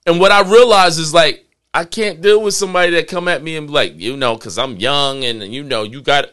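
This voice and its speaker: A man's voice: on the high side, brisk, a bit bright, clear, resonant tone. A man in his forties hosting a podcast, talking emphatically in a casual chat, repeating himself and using slang. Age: 40s. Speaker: podcast host.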